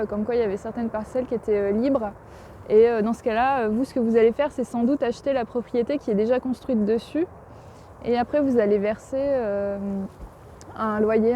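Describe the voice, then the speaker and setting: A woman's voice: on the high side, mellow. A woman from France vlogging outdoors in a garden park, chatty and hesitant with lots of fillers. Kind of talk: casual vlog narration. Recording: outdoor wind noise.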